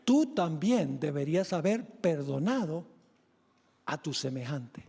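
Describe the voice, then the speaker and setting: A pastor voicing a stern male master who speaks slowly and gravely to his servant. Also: a little high, sing-song, warm tone, big-room sound, pitched below the performer's own voice, exaggerated voice. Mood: stern rebuke. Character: stern powerful lord and master, older man.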